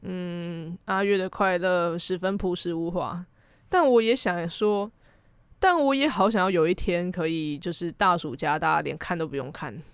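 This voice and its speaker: A woman's voice: fairly low pitch, normal speed, clear, resonant tone, dry recording. A young adult woman with a Taiwanese Mandarin accent, co-hosting a podcast in casual chat. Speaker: podcast co-host. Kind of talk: casual chat about anime and pop culture.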